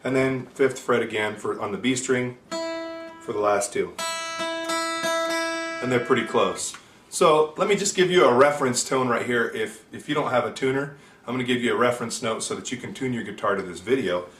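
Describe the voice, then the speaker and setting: Relaxed man teaching guitar, echoey room. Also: medium pitch, moderate pace. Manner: relaxed, chatty, with fillers and restarts. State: has the hiccups. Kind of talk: casual video lesson.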